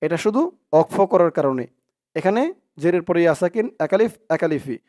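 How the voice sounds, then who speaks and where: Guy with a highish voice teaching tajweed, breaks words into syllables, says them again and again. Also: expressive, a little mellow. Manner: spells out syllables slowly and repeats them. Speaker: Quran recitation teacher. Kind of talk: step-by-step recitation lesson.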